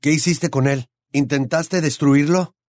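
A man's voice: a little high, steady tone, unhurried, a little mellow, no room sound, studio quality, voice pushed up, natural voice. A man voicing a stern, determined teenage boy who questions firmly. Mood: stern questioning. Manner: firm, questioning. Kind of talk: audiobook character voice.

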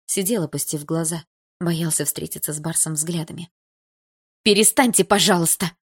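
A woman narrating a dramatic audiobook in a steady, subdued storytelling manner. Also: low-pitched, moderate pace, husky.

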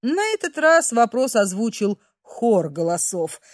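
Woman narrator, slightly high voice, expressive, unhurried, first-person fantasy audiobook. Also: no room sound, studio quality. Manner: expressive, emotional reading.

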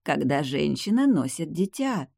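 A tactful middle-aged mother who picks her words with care, as an audiobook reader puts her on. She speaks softly and higher than the narration. The recording is dry and close. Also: sing-song, measured pace, creaky, no room sound, heavily acted. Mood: gentle. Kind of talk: audiobook character voice.

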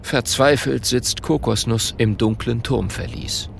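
A narrator reading a children's story aloud in an expressive storytelling manner. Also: medium pitch, unhurried, vocal fry, a little hiss or hum. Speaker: audiobook narrator.

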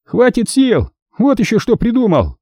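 Starving, sneering young soldier in a storybook, voiced by a male narrator, husky and raised. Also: sits high, sing-song, normal speed, dark tone, no room sound, studio quality, pitched above the performer's own voice, heavily acted. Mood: bitter, mocking. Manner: scornful, complaining. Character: hungry, embittered young male soldier, mocking.

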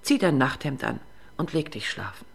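A woman reading the lines of a tired husband and father, speaking calmly and with measured firmness. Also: very deep voice, creaky, slightly rough, full character voice. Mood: weary. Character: weary, patient husband and father, restrained.

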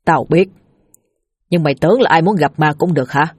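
A woman voicing a blunt, gruff middle-aged father who scolds and swears harshly in a storybook reading. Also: low-pitched, brisk, no echo, clean studio sound.

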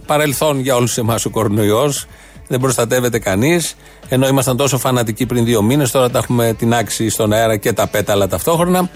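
Sarcastic man hosting satirical news. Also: medium pitch. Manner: sarcastic, mock-serious. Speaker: satirical show host.

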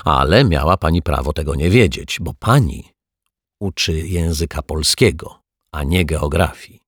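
A sensible, calm detective from a children's audiobook, voiced by the male reader. He speaks in a matter-of-fact way, gentle but firm. His voice is low and husky, with an unhurried pace. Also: dry recording, studio quality, heavily acted. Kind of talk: audiobook character voice.

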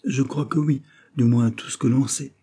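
Grave young man, gentle and steady, a male narrator doing him, mellow and husky. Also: medium pitch, normal speed, voice pushed up, close to an everyday voice. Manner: calm, grave.

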